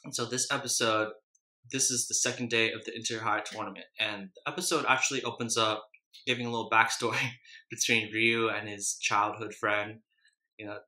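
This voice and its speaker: A man with a fairly low, bright and forward voice chats casually as he eats, chewing between and during phrases. He sounds like a mukbang host, recorded in a roomy, echoey space. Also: steady tone, normal speed. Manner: chewing and eating while talking. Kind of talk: casual chat while eating.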